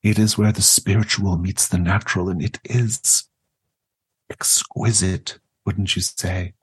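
A man voicing a warm, serene, saintly old grandmother spirit in a tabletop game, coaxing in a reverent, secretive way. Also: deep voice, fairly even intonation, a little slow, husky, full character voice.

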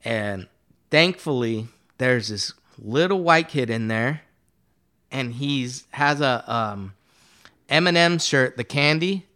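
A man in a casual podcast interview, telling a long story in a relaxed, meandering way. His voice sits in an ordinary middle pitch, and he scatters fillers and curse words throughout. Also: takes it slowly, clear, resonant tone. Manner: rambling, laid-back, profane, many fillers. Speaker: guest artist.

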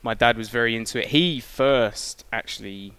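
A man's voice: medium pitch, moderate pace, fairly bright tone, clear, resonant tone. An English man, a racing driver guest, chatting casually with a dry, self-deprecating humor. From England. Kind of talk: casual podcast chat.

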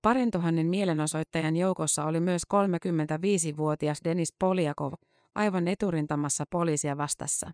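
A medium-pitched narrator gives a scripted reading of a long news feature, handling dates and figures with steady, measured delivery. The recording is dry and studio quality.

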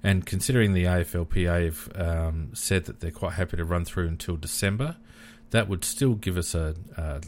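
Low-pitched, measured Australian man. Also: slight background noise. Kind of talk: casual sports discussion.

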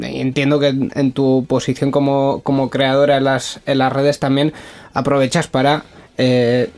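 A man hosting a podcast, asking long questions with many hesitant "eh" and "mm" fillers. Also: mid-range voice. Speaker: podcast host. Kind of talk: interview questions.

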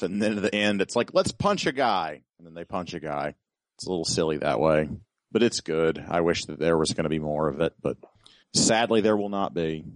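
A man's voice: sits low, no room sound. A man co-hosting a podcast in a casual chat, rambling and often repeating his words as he starts a thought. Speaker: podcast co-host.

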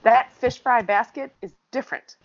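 A woman's voice: on the high side, normal speed, vocal fry, dull audio. Chatty woman telling rambling stories. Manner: rambling storyteller, laughs often. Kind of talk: casual chat.

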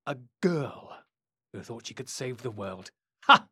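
A cruel, scheming villain taunts his captive in a slow, menacing drawl, as a man reads him. The voice is a little husky and sits at a middle pitch. The recording is dry and close. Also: very animated, pushed and bright, no room sound, full character voice. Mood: mocking menace. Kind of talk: audiobook character voice.

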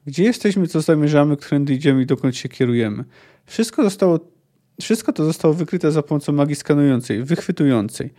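A man voicing a weary middle-aged male monster hunter, giving an earnest, measured apology. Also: on the high side, expressive, mellow, close to an everyday voice.

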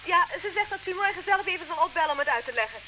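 Duchess, real high voice that swoops all over, hesitant and sorry-sounding, old radio hiss. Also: female voice, lively intonation, very fast, bright, forceful tone, exaggerated voice, low-quality recording. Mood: polite. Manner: hesitant, apologetic and polite. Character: flustered, polite noblewoman, a duchess. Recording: hissy old radio recording.

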